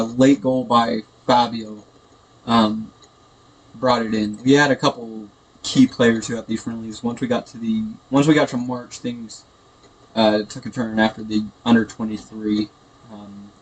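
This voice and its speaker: A man's voice: mid-range voice, level tone, measured pace, breathy edge. A man giving casual, hesitant, rambling gameplay commentary, sounding tinny and echoey through a built-in computer microphone. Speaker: gaming video host. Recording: tinny echoey computer mic, background noise.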